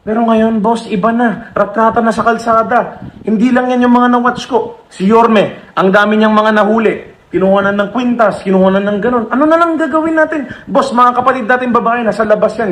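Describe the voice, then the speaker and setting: High-voiced man ranting in a roomy echo. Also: a little fast, fairly bright tone, slight background noise. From Philippines. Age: 30s. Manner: emphatic, keeps addressing listeners as boss, mixes in English. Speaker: blogger. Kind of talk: ranting vlog monologue.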